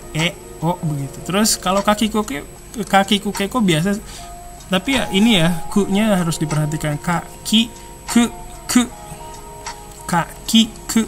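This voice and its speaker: A language teacher giving a casual online lesson, chatting and slowly repeating syllables to demonstrate how they sound. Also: mid-range voice, fairly bright tone.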